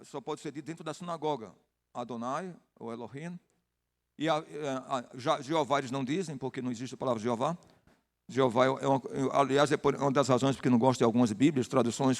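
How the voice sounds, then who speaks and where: A man's voice: mid-range voice, long reverb tail. An older Brazilian man, a pastor, teaching a Bible study and greeting people in the congregation by name. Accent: Brazilian Portuguese. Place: church hall.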